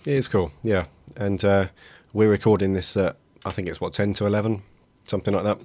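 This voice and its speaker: A man hosting a casual podcast, his voice croaky and raspy from a head cold, a touch of man flu. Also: lowish voice, fairly even intonation, a little fast, a little mellow, no room sound. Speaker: podcast host.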